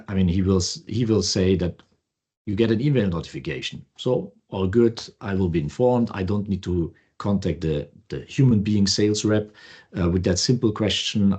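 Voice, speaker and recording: A man co-hosting a podcast, casually walking through a software demo with loose, restarting phrasing. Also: low voice, breathy edge. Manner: relaxed, loose, restarts often. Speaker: co-host.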